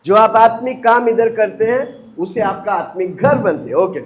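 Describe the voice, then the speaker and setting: A man's voice: sits high, expressive, moderate pace. A man pastor from India preaching a sermon, asking the congregation questions and leading call-and-response.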